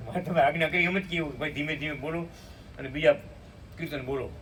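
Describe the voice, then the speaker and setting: A man giving a devotional storytelling sermon, slipping into slow chanted hymn lines and asking his listeners questions. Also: fairly high pitch, bright, forceful tone. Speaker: spiritual speaker at a satsang. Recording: distant mic with faint room noise.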